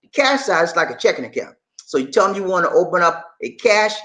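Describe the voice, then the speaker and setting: A man's high, animated voice moves at a quick pace, pushed and bright. Hosting a livestream from Charleston, South Carolina, he chats with viewers in a folksy Southern Gullah Geechee accent and repeats his phrases often.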